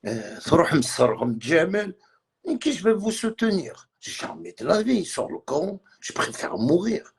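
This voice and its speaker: A man's voice: on the high side, sing-song, a little slow, creaky, husky. A man on a live stream, ranting in a heated, repetitive way and mixing in words from other languages. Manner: agitated, repetitive, mixes French with Arabic and Kabyle. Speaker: livestreamer.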